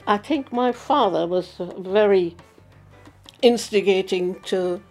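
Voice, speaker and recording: A woman in her eighties from Guyana, chatting in an interview about her life, with easy laughs and halting restarts. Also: mid-range voice, darkish tone, faint music behind. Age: 80s. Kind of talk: casual reminiscing interview.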